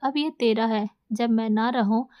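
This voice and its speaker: A woman voicing a gentle older village mother in a storybook reading, speaking softly and with feeling. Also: fairly high pitch, fairly even intonation, unhurried, lightly acted. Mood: tender.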